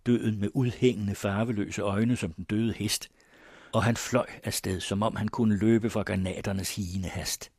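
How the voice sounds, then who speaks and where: A man reads a story aloud in a measured, even voice. His tone is lowish and husky. It is recorded close and dry. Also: dry recording. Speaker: audiobook narrator. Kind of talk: scripted narration.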